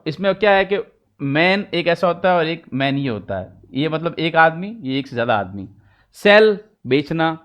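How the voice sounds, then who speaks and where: A male English teacher with an Indian accent leads a pronunciation lesson, switching between Hindi and English. His voice sits high, and he speaks very slowly. He draws out each example word. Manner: mixes Hindi and English, slow drawn-out example words.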